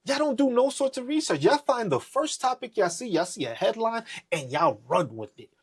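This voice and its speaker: A podcast host unleashes a live political rant, profane and combative, ridiculing those he argues against. His slightly husky voice is fairly high for a man, sing-song, at a normal speed, with pitch that swings widely from line to line.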